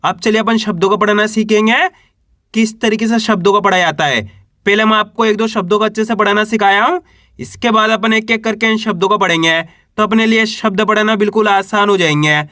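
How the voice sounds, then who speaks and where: A man teaching how to read words, sounding out each syllable slowly and asking the listener to repeat after him. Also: high-pitched, bright, forceful tone, no room sound, clean studio sound. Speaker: Hindi reading teacher. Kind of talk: spoken lesson.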